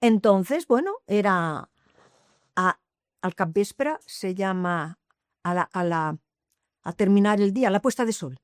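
A woman's voice: mid-range voice, expressive, a little slow, pauses often, no echo, studio quality. Emphatic woman in her eighties. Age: 80s. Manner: emphatic, repeats phrases, swears to the listeners. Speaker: interviewee. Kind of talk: emotional personal storytelling.

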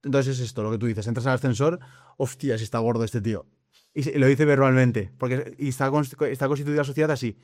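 A man hosts the interview, talking quickly and casually. His voice sits at a middling pitch and comes through a dry, close studio microphone. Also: steady tone, darkish tone, no echo. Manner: quick, casual, swears freely. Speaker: podcast host.

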